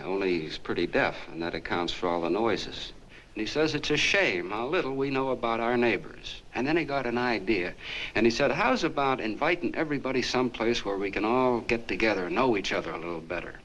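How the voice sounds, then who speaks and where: An actor playing an earnest small-town soda fountain clerk, telling a long story in a folksy, rambling, chatty way, in 1940s film acting. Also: male voice, lowish voice, a bit bright, slight background noise, natural voice, low-quality recording. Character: earnest small-town soda jerk, middle-aged man.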